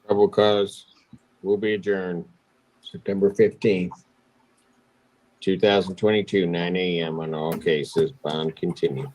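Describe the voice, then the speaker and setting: A man's voice: low voice, fairly even intonation, measured pace, pauses often, darkish tone, low-quality recording. A man speaking as a judge in a courtroom recording, formally calling and adjourning cases. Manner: formal, procedural. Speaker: judge presiding over court. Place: remote court hearing. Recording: courtroom recording with clear background noise.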